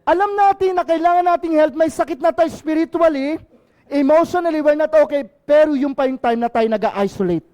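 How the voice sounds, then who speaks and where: A man's voice: very high-pitched, a little fast, darkish tone, muffled recording. A male pastor from the Philippines with a Filipino accent, preaching an impassioned sermon and often asking the congregation for an amen.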